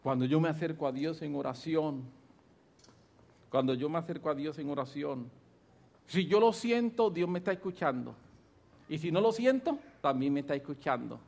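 A male pastor delivering a sermon to a congregation at a church service, swinging between quiet and loud and repeating phrases for stress. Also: a little high, animated, normal speed, creaky.

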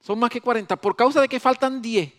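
A preacher doing a pleading old Abraham. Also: male voice, extremely high pitch, a little fast, a bit bright, pitched above the performer's own voice. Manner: pleading, coaxing.

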